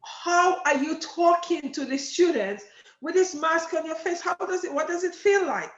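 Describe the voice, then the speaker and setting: A woman's voice: extremely high pitch, moderate pace. A woman hosting a conversational interview, asking inquisitive questions and repeating acknowledgements as she listens. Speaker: host interviewer. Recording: roomy, dull lo-fi call audio.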